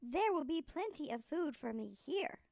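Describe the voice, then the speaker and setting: A cunning, hungry young man from a storybook, voiced by a woman. He is coaxing, with a high, creaky voice in a very dry recording. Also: lively intonation, moderate pace, a little mellow, no echo. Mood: pleading. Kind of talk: storybook character voice.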